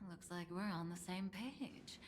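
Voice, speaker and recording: A woman as a slow, hushed, enigmatic woman. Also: on the low side, a little hiss or hum, lightly acted. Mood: solemn, gentle. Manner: measured, hushed, breathy delivery. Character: calm, enigmatic woman outlaw, solemn and quietly caring. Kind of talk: video game voice acting.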